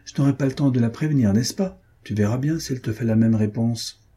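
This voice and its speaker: A man reading a composed, guarded lover who answers in a measured, deflecting way, in an audiobook. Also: mid-range voice, dark tone, breathy edge, lightly acted. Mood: calm.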